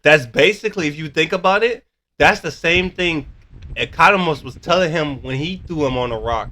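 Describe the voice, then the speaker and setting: A man's voice: a little high, normal speed, bright, forceful tone. A man recapping a TV episode in casual chat, rambling and leaning on filler words. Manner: rambling, full of "basically", searches for words. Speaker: co-host of a show review.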